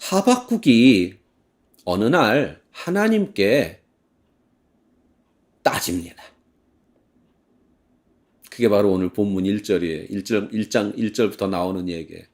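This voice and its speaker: A fairly low-pitched male pastor gives an animated sermon in church. He acts out heated complaints and occasionally sings a hymn slowly.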